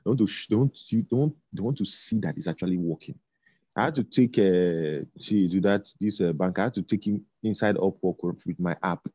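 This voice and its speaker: A man talking in a relaxed conversation, halting and repeating himself with many fillers. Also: deep voice, husky, dry recording. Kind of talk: casual conversation. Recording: dull lo-fi sound.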